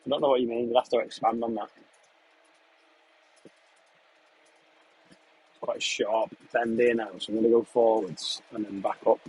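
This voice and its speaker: A young English farm contractor talks in a husky, breathy voice at an everyday pitch. He is relaxed and chatty, reading out viewer questions and narrating his job as he goes. He is speaking from inside a tractor cab. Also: a little slow, long pauses, low-quality recording. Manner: relaxed, chatty, answers questions between running commentary on the job. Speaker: farm contractor live-streaming while spraying a field. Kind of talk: casual live-stream chat reading viewer questions.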